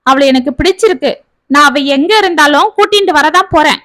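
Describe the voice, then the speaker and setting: A woman's voice: sits high, a little fast, fairly bright tone, no room sound, clean studio sound. A woman voicing an earnest, agitated young man in a spoken family story. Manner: agitated, pleading. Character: earnest young man defending his beloved.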